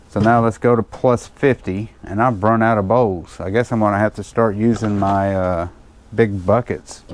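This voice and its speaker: A man's voice: lowish voice, a little mellow. A man hosting a gold panning channel, chatting casually and joking at his own expense as he works through a hands-on demonstration. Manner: chatty, joking self-mockery, talks while working. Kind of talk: casual hands-on demo vlog.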